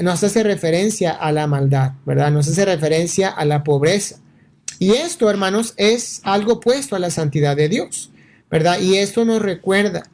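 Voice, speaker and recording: A male pastor delivers a Bible teaching in a radio studio, earnest and steady, frequently checking in with "right?" and restarting words. He has a high voice, and Spanish is not his first language.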